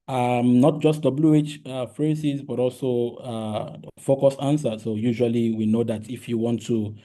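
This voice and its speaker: A medium-pitched man with a dark tone speaks a little slowly and steadily in a lecture room. A linguistics researcher whose first language is Yoruba, he presents an academic talk full of fillers and restarts, often checking in with "right?"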